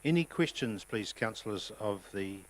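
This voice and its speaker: A man who chairs a local council meeting as mayor. He has a New Zealand accent, talks in a relaxed way with many ums, and speaks up when he calls the votes. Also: on the low side, moderate pace, rough recording.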